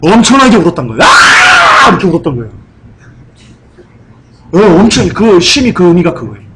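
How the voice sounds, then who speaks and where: A male pastor preaching a sermon, firing off rhetorical questions and acting out scenes with loud cries and sudden soft asides. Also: high voice, sing-song, fast talker, very noisy. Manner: acts out scenes with loud cries and dropped whispers.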